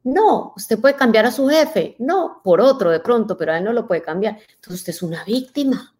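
A woman motivational speaker giving a talk to an audience, lively and full of rhetorical questions. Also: fairly high pitch, normal speed.

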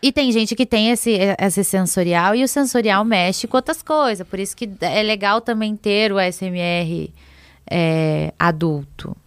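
A woman's voice: medium pitch, unhurried, clean tone, no echo. A young woman chatting casually as a podcast guest, rambling and giggly, often cutting herself off. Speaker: podcast guest, ASMR content creator. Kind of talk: casual chat.

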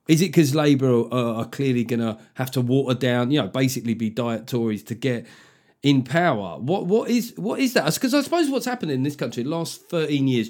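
British man, medium pitch, casual political discussion, halting, rephrasing, probing. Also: a little mellow.

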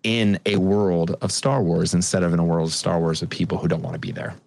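Deep-voiced man chatting casually. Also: brisk, vocal fry. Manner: relaxed, rambling with filler words. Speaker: podcast co-host. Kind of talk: casual chat.

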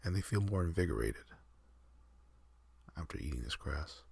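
Very deep, breathy whispering man. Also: lively intonation. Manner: soft, half-whispered, slow counting. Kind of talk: ASMR sleep story.

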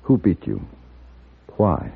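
An actor playing a calm, steady gunfighter who narrates in a measured, deliberate way, in a 1950s radio drama. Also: male voice, deep voice, creaky, heavy background noise, exaggerated voice. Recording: tinny old radio broadcast with music.

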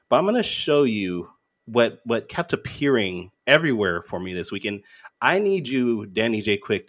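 A man's voice: mid-range voice, a bit bright. A man hosting a live podcast with casual, bantering talk. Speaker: podcast host.

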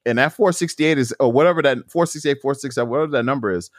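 Man in his 40s, podcast guest, lively raconteur who acts out his stories, mid-pitched voice, dry sound. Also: very fast, dry recording. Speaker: guest powerlifter. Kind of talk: casual podcast storytelling.

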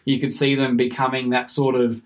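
An Australian man co-hosting a casual cricket podcast, talking in a rambling, animated way and laughing often. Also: mid-range voice, a little fast. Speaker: podcast co-host. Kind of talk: casual chat.

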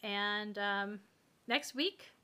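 A woman's voice: medium pitch, very slow, pushed and bright, clear, resonant tone. A woman co-hosting a podcast in casual chat, laughing often and using many fillers. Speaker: podcast co-host.

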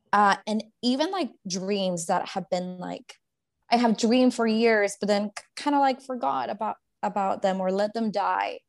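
An earnest, reflective woman in her thirties, from Guatemala, telling her story as a guest in a relaxed interview. Her voice has a gravelly, creaky edge, and she often restarts her sentences and fills pauses. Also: mid-range voice. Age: 30s. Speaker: guest, life coach. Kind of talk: casual faith-based interview chat.

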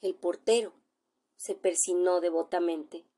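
A woman reading a classic short story aloud as narrator, in a measured storytelling manner with dramatic pauses. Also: lowish voice, fairly even intonation, mellow.

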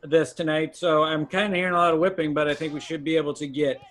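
A man hosting a mock press conference, giving loose, halting introductions. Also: a little high, little pitch movement, fairly bright tone. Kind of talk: improv comedy.

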